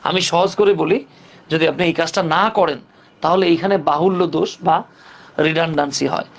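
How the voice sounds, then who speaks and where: Speaking at a moderate pace in a slightly high voice, a man teaches English grammar in a relaxed classroom style. He breaks things down step by step, asks rhetorical questions, and jokes around using everyday speech.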